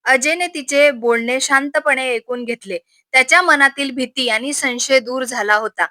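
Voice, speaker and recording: A woman host narrating an audio story in a steady, expressive way. Her voice is bright and sharp and sits fairly high. The recording is dry and close. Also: moderate pace, no echo.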